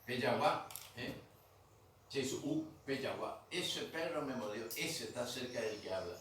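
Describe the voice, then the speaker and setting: A man's voice: mid-range voice, animated, a little slow, fairly bright tone. A man teaching a grammar class in a museum room, patiently repeating terms and checking that students follow. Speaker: language teacher. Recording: echoey room, mic far off, faint noise.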